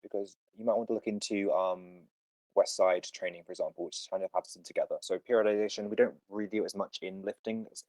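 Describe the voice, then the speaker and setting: Over a voice call, a caller gets confident training advice from the man hosting this easygoing fitness podcast. His voice is deep with a darkish tone, and the roughly made recording has no room sound.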